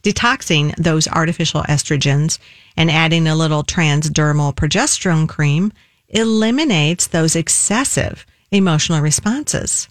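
A woman hosting a radio talk show as a nutritionist, talking in a measured, conversational way. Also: deep voice, dry recording, studio quality.

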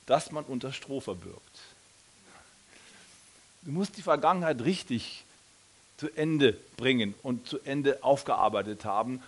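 A man preaching a sermon, telling a story with lively delivery, speaking directly to the congregation and acting out the voices of people in it. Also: mid-range voice. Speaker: pastor.

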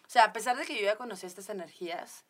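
Mexican woman, podcast guest, casual storyteller, acts out the quoted lines, mid pitch. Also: animated, very fast. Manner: chatty, lots of fillers and quoted dialogue.

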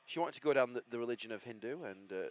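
Animated Bradford-accented man bantering. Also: medium pitch, rapid-fire, low-quality recording. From Bradford, England. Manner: excitable, jokey, blunt northern slang. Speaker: co-host of a football fan podcast. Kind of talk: casual banter and live match reaction.

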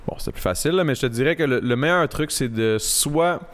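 A man's voice: medium pitch, a little fast, fairly bright tone. Laid-back Québécois man, joking guest. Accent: Québécois French. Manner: laid-back, joking, rambling with many restarts. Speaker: podcast guest. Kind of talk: casual chat. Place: living room.

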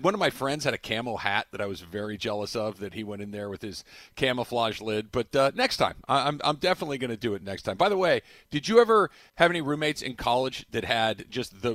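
Male sports talk host, mid-pitched, close dry sound; casual banter and contest promo delivery. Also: fairly bright tone, no room sound. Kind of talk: casual sports radio chat with scripted radio contest promo reads.

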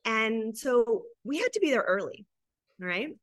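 A woman's voice: on the high side, big pitch swings, measured pace, no room sound. A woman in her thirties or forties, a guest on a podcast, talking in an enthusiastic, heartfelt way about building her business as a mom. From Arizona, USA. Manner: warm, emotional, tearful while telling her story; enthusiastic, upbeat. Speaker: guest, business coach for moms. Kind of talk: casual podcast interview.

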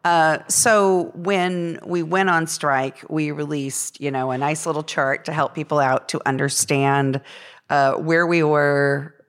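A woman with a gravelly, tired voice worn from a late night, speaking off the cuff as a union representative in an earnest, halting, discursive way. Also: low-pitched, steady tone. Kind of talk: unscripted spoken remarks on union issues.

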